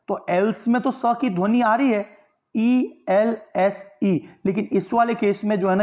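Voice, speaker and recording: A man's voice: sits high, darkish tone, muffled recording. A man teaching a grammar lesson for exam preparation, explaining step by step and often answering his own questions. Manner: tag questions that seek agreement from listeners. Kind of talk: online exam-prep lecture.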